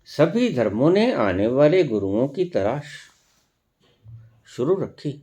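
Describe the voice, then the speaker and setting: A man giving a spiritual discourse as a teacher, deliberate and full of rhetorical questions. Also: medium pitch, very animated, warm tone.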